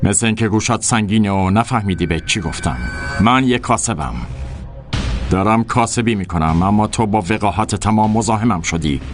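A man's voice: on the low side, soft background music, close to an everyday voice. A man playing a brazen, threatening brothel boss in a dubbed film drama, indignant and bullying. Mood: menacing.

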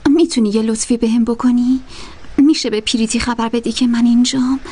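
A woman's voice: on the high side, steady tone, mellow, slightly rough. A woman playing a frightened young captive girl. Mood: timid. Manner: whispering, timid. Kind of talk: dubbed film drama.

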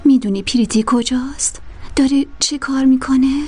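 An actress in a dubbed film playing a frightened young girl who talks timidly, often in a whisper. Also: high-pitched. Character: frightened young girl held captive, pleading.

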